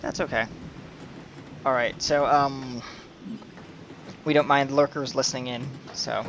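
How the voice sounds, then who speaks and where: A man running a tabletop game, narrating scenes in a halting, conversational way as he improvises. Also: mid-range voice, fairly even intonation, fairly bright tone, muffled recording, slight background noise. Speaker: game master.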